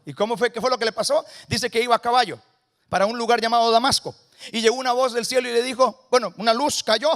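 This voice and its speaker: Costa Rican male guest preacher, high pitch, call-and-response sermon in a church. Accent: Costa Rican Spanish. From Costa Rica. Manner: calls for congregation responses, shifts between loud and hushed. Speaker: guest pastor. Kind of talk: lively Spanish sermon. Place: church sanctuary.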